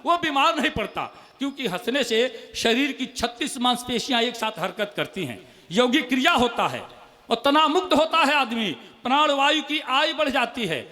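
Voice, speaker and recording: A man with a Bhojpuri accent performing as a comic poet on stage, joking with the crowd and reciting his verses slowly. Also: very high voice, animated, bright, forceful tone, in a large hall. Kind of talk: humorous stage poetry recital.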